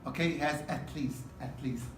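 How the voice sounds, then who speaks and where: Teacher lecturing in an echoey classroom. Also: male voice, on the high side, fairly even intonation, normal speed, a little hiss or hum. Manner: repetitive, checks in with "okay?". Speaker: exam prep teacher. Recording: roomy classroom from a distance.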